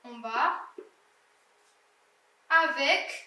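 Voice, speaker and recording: A woman's voice: high voice, expressive, very slow, pushed and bright, roomy sound, recorded from a distance. A young woman teacher correcting a primary-school reading exercise, patiently spelling out words letter by letter. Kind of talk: slow classroom exercise correction.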